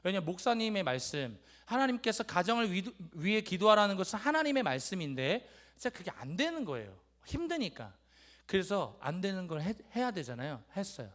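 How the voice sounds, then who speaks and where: A young man giving a church testimony, telling his story in a lively way and acting out his father's gruff lines. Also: sits high, a little fast. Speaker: youth speaker giving a testimony. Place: church sanctuary.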